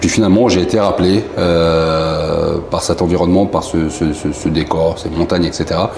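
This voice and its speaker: Company founder from Marseille, low voice, easygoing storyteller, roomy sound with faint noise. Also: male voice, moderate pace, creaky. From southern France, Marseille. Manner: relaxed, rambling storyteller with many fillers. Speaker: company founder, interview guest. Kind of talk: casual interview chat. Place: indoor bar room. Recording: echoey room, faint background noise.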